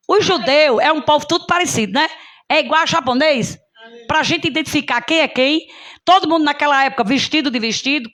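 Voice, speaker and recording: Brief: woman preacher, high bright voice, fervent, breaks into tongues. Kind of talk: impassioned Pentecostal sermon. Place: church prayer service.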